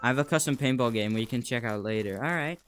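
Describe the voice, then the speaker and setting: A young man streams a VR game live, his mid-range voice moving at a quick pace while a crowd sounds in the background. Relaxed and chatty, he answers viewers as he plays, recorded on a desk mic while wearing a VR headset.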